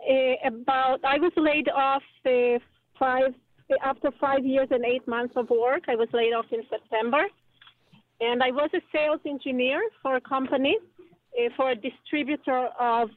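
A woman's voice: high-pitched, fairly even intonation, dry recording. 50s woman calling in from her car, speakerphone, tinny phone line, lots of hesitant uhs. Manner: hesitant, halting with many fillers. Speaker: caller. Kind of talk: call-in question to a radio show.

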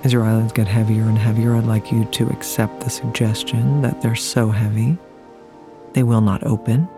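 A guided meditation host speaks very slowly over clearly audible music. The delivery is deliberate and soothing, leaving long pauses as it leads a relaxation hypnosis. The voice sits at a medium pitch. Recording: music playing behind the voice.

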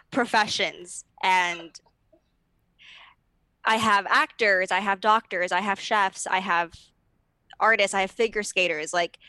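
A slightly hungover woman, speaking casually and candidly in an interview, sometimes halting. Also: medium pitch, sharp tone, no echo, rough recording. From United States. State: a little hungover. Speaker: podcast host and comedian, as a guest.

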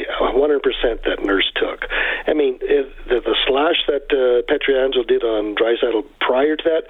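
A man's voice: mid-range voice, husky, no room sound. A Canadian man calling a sports radio show, giving casual opinions with emphatic exasperation over the phone. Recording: thin phone line on radio.

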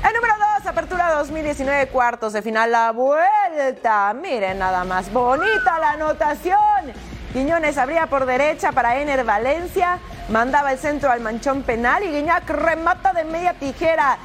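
A woman hosting a sports show, presenting highlights and news. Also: lively intonation, moderate pace, background noise.

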